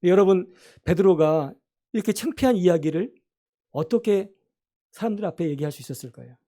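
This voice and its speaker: Mellow-voiced Korean pastor preaching. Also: male voice, high voice, animated, a little fast. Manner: earnest preaching, asking the congregation questions and voicing quoted prayers. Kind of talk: sermon. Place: church sanctuary.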